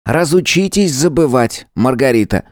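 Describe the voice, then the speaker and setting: A male narrator voicing a hot-tempered boss who shouts, scolds and gives orders. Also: mid-range voice, expressive, moderate pace, no room sound, studio quality, voice pushed up, lightly acted. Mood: angry commanding. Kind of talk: audiobook character voice.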